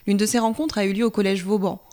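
A woman reading a scripted news report as narrator, with a steady read-aloud delivery. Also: medium pitch, fast talker.

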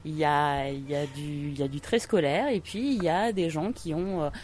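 A woman's voice: low-pitched, brisk, darkish tone, slight background noise. Hesitant woman with lots of fillers. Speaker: English conversation workshop leader. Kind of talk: interview answers.

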